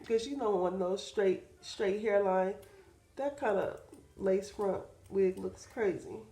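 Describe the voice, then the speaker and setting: A woman's voice: mid-range voice, takes it slowly, warm tone, reverberant. A woman with a stuffy, nasal voice from sinus trouble, chatting casually to viewers while showing how she cuts and installs a wig. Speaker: wig seller demonstrating a wig install. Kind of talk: casual how-to vlog chat.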